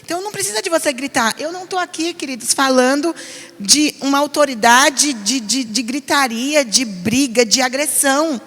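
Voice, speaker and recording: A middle-aged woman pastor with a São Paulo Brazilian accent, teaching a parenting class in an earnest, animated way. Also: high voice, normal speed. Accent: Brazilian Portuguese, São Paulo. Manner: earnest, animated, mimics nagging voices. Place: church hall. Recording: long reverb of a church hall.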